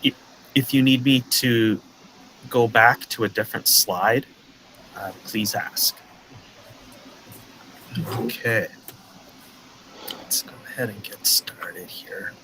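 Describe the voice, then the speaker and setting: A man from the teaching a beginner English class over a video call, patient and clear, with a friendly welcoming manner. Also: fairly low pitch, slow pace, long pauses, bright, forceful tone, a little hiss or hum, low-quality recording. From United States, Minnesota. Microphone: video call headset or webcam mic.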